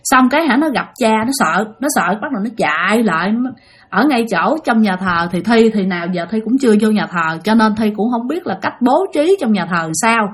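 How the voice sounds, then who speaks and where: A woman's voice: medium pitch, expressive, a little fast, husky. Chatty woman with a Southern Vietnamese accent. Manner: chatty, addresses listeners directly. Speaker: storyteller. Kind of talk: spoken ghost story.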